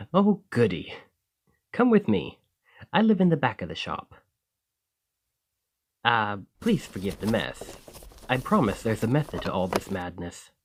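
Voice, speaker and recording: In an ASMR roleplay, a man with a medium-pitched voice plays a friendly, excitable village alchemist. He chats eagerly to the listener, a bit flustered and rambling.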